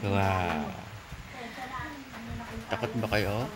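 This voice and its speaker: A man's voice: low-pitched, drawn-out words, a crowd in the background. A man vlogging while wearing a sheet mask, joking with viewers as he tries a beauty product. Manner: playful, jokey commentary to viewers. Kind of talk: casual beauty-product try-out vlog.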